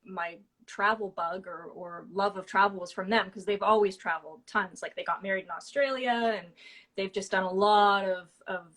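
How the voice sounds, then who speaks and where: A woman from Toronto, a guest in a relaxed interview, with a mid-range voice. She tells a long story in a loose, rambling way, full of fillers, restarts and quick laughs. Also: medium pitch. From Toronto, Canada.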